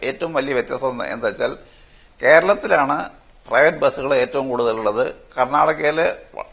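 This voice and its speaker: An older man, a retired judge who heads a fare commission, explaining in a halting way full of restarts on a televised panel. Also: fairly high pitch, creaky, fairly bright tone, breathy edge. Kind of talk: panel discussion.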